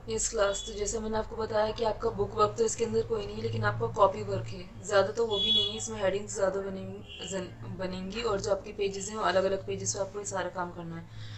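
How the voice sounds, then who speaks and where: Patient woman teacher, flat steady delivery. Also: medium pitch, fast. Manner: patient, explains step by step, often checks with "ठीक है". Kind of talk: online kindergarten lesson.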